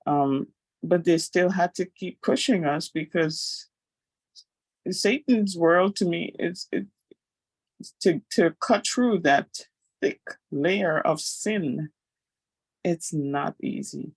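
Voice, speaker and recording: A woman from Guyana sharing a devotional reflection on a video call, halting and pausing often between phrases. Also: fairly low pitch, husky, no room sound. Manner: halting, with many pauses and fillers.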